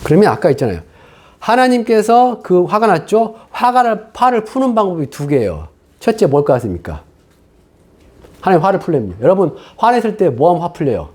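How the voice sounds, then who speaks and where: A man's voice: sits high, sing-song, brisk, a little mellow. A man preaching a sermon as pastor, casual and conversational, firing rhetorical questions at the congregation.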